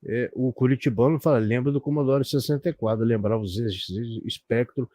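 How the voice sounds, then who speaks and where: A man's voice: medium pitch, brisk, warm tone, no room sound. A middle-aged Brazilian man with a Brazilian Portuguese accent hosting a live-stream interview, chatting and reminiscing in a rambling way. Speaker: host.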